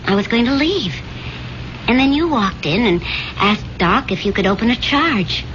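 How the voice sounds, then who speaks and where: An actress plays a wistful young woman reminiscing with her sweetheart in an earnest, reflective 1970s radio drama. Her voice sits on the high side, animated and a bit bright, at a moderate pace. The 1970s radio recording is dull and noisy.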